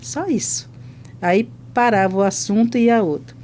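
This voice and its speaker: A woman's voice: on the high side, moderate pace, a little hiss or hum. An older woman, a hospital chaplain from Brazil, telling testimony stories on a podcast and acting out both sides of each conversation. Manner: lively retelling that acts out both sides of conversations.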